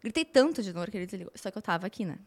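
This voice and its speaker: A woman, a flight attendant, telling a story in a lively, casual way, often repeating words for effect. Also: medium pitch, rapid-fire.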